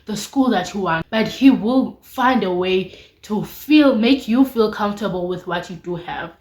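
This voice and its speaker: A woman's voice: medium pitch, expressive, measured pace, darkish tone. A young woman with a South African accent, chatting casually and expressively to viewers in an informal, slangy confessional vlog. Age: late teens, young adult. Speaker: vlogger. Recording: echoey, roomy sound.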